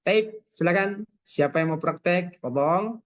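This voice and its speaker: A man's voice: sits high, measured pace. A man teaching Quran recitation in an online lesson, patiently repeating each sound to demonstrate it. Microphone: video call microphone. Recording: dull lo-fi online call audio.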